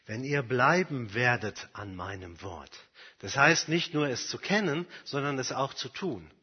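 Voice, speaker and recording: This preacher's sermon is earnest and a little slow, with lively intonation; his husky, breathy voice drives points home using personal examples, then sinks very quiet. A large hall lends long reverb, and the recording quality is dull and lo-fi.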